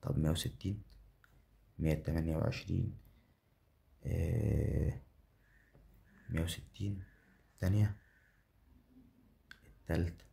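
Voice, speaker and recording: A young man with an Egyptian Arabic accent giving hyped commentary on his own betting game, repeating phrases and breaking into excited bursts. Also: sits low, a little slow, vocal fry, long pauses. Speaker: betting channel host. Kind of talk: gambling live commentary.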